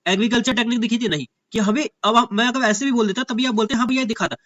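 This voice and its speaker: Casting: young male exam teacher, high-pitched, chatty, repeats "ठीक है?" every line. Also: fairly even intonation, fairly bright tone, no room sound, dull audio. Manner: keeps asking "ठीक है?" and addresses students as भैया; reads English slowly, spelling words letter by letter. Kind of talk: casual Hindi lecture with English reading.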